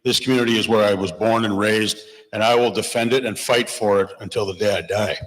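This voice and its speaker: Speaking fairly quickly in a steady tone, this independent candidate has a fairly low-pitched voice. He takes an audience question in a church hall and responds with plain passion, the hall's long reverb trailing behind him.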